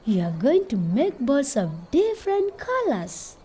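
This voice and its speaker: A woman's voice: sits high, wildly swooping pitch, a little slow, warm tone, a little hiss or hum, rough recording. A woman teaching a group of children, speaking in an encouraging, sing-song way. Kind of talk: children's lesson.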